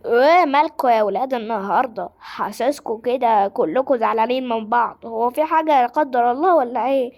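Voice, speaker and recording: A woman's voice: quick pace, few pauses, dull audio, close to an everyday voice. A woman voicing a fussy Egyptian schoolteacher. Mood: bossy. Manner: lowered, bossy classroom talk. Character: school teacher, brisk and fussy. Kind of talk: voiced doll-game drama.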